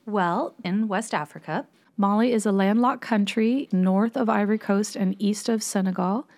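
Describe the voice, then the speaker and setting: A woman's voice: mid-range voice, normal speed, a little mellow. Woman, middle-aged, podcast co-host, chatty, explains at length. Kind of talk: casual chat.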